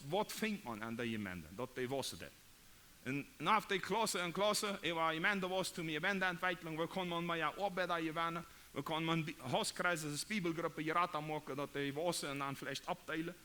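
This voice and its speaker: A man from Paraguay with a Mennonite Low German accent, preaching a sermon in halting, repetitive phrases. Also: bright, forceful tone, slight background noise.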